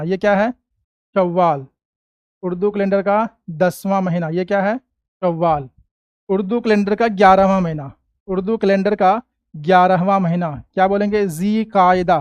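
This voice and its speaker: High-voiced man teaching, slow repetition. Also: clean tone, no room sound, highs cut off. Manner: slow, drawn-out repetition of each word, asking and answering his own questions. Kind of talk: classroom-style lesson with call and response.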